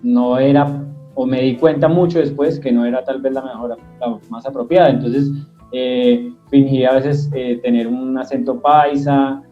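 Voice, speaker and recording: The audio is lo-fi, and the young man's voice sits in the mid-range. A comedian guest with a Tolima Colombian accent, he talks reflectively from home in a relaxed interview, pokes fun at himself, and pads his pauses with "eh."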